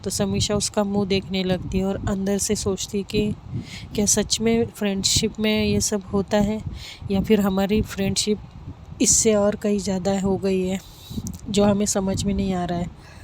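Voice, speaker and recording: A woman's voice: medium pitch, level tone, normal speed, background noise. A woman narrating a love story in a casual, conversational way, with fillers and restarts.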